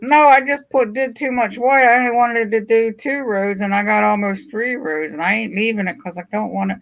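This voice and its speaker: A chatty, teasing woman from New Jersey with a slightly high voice talks casually during a crafting call. She joins in easily and ribs her friends as they work. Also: a little fast, gravelly. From New Jersey, USA. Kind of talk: casual group chat.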